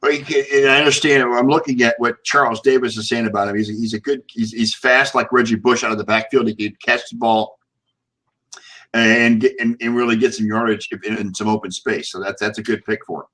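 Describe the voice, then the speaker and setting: A man hosting casual sports talk in a halting way, often repeating words as he goes. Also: medium pitch, fairly even intonation, sharp tone, low-quality recording. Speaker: sports show host.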